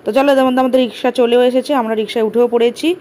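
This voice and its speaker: A woman's voice: fairly high pitch, little pitch movement, racing, darkish tone, a little hiss or hum, rough recording. A woman vlogging her day as a mother, talking straight to her viewers in a chatty, casual way. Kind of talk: casual daily vlog narration. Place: outdoors on the street, then at home.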